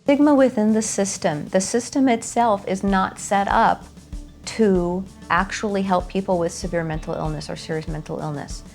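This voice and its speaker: A woman's voice: medium pitch, moderate pace, creaky, a little mellow, faint music behind. A mother speaking earnestly about her son's mental illness in a documentary interview, her frustration showing.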